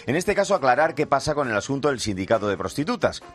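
A man's voice: mid-range voice, very animated, fast talker, soft background music. A man from Spain delivering an ironic comic segment on a radio show. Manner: ironic, punchy. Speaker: radio contributor.

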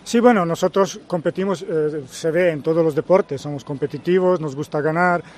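A man in his fifties from Serbia, a native Serbian speaker with a Serbian accent, talking as a guest pundit on a live match broadcast in a measured, hesitant way. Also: a little high. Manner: measured, hesitant with frequent pauses. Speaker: guest pundit, former footballer and coach. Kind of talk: live match commentary chat.

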